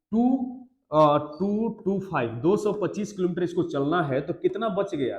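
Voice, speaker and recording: A male maths teacher giving an exam-prep lesson, explaining step by step and often checking if the class understands. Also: high voice. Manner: explains step by step, keeps asking the class questions. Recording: echoey room.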